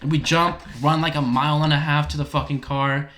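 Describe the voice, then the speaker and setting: A young man co-hosting a casual podcast, excitedly retelling a story, swearing often and acting out his friends' lines. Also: fairly high pitch, normal speed. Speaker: podcast co-host. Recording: roomy echo.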